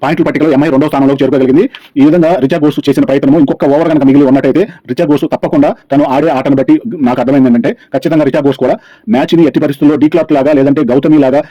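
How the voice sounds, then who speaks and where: A man's voice: fairly high pitch, steady tone, very fast, warm tone. A man with a Telugu Indian accent narrating a sports match recap as a channel host, in a dull lo-fi recording. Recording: dull, lo-fi audio.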